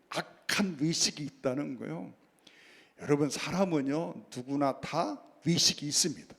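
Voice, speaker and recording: A man's voice: on the high side, creaky, husky, big-room sound. A man preaching a sermon as pastor, often calling out to the congregation and answering his own questions. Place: church sanctuary.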